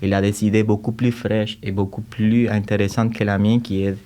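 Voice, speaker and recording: Low warm-voiced man with a Cuban accent. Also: flat delivery, moderate pace. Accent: Cuban Spanish. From Cuba. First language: Spanish. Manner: thoughtful, searching for words with frequent restarts. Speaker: guest composer and choir director. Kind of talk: casual interview conversation. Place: recording studio.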